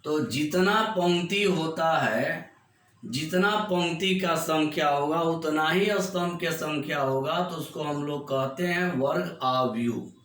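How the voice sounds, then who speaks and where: A man from Bihar teaching a maths lesson in Hindi, explaining slowly and repeating each step for his students. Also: fairly high pitch, fairly bright tone, a little hiss or hum. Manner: slow, repetitive explaining, calls students "babu". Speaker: mathematics teacher. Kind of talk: classroom maths lecture. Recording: echoey room.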